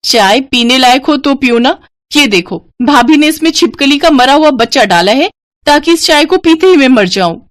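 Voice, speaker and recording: A woman's voice: high-pitched, lively intonation, normal speed, pitched above the performer's own voice. A woman voicing a spoiled, scheming young sister-in-law who whines and accuses. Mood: accusing. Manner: whiny, accusing, sharp.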